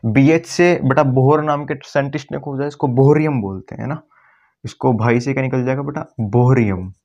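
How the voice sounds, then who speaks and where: A man teaching chemistry at a board, often slowing down to repeat key words and calling his students "beta". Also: mid-range voice, a little mellow, muffled recording. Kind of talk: classroom lecture at a board.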